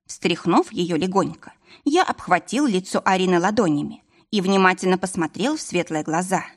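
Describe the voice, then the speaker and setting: A woman narrating an audiobook in the first person with steady storytelling. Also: lowish voice, normal speed.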